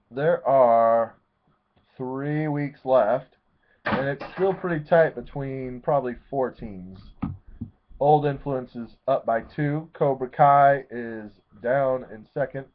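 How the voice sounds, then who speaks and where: Man, 30s, excitable rambling league recap, tinny lo-fi webcam sound. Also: medium pitch, takes it slowly. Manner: rambling, excitable, self-correcting. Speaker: fantasy football league commissioner. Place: small room at home, seated in a leather chair. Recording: tinny, phone-like webcam audio.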